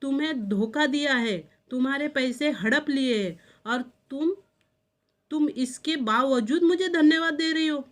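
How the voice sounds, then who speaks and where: A woman reading out the lines of an indignant man who scolds his maid in a loud, trembling voice. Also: high-pitched, a little slow, voice pushed up. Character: angry middle-aged male employer scolding his maid.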